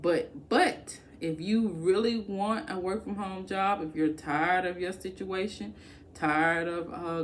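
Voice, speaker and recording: A woman's voice: mid-range voice, a little mellow, slight background noise. A woman giving casual, blunt work-from-home advice to camera, talking emphatically and colloquially.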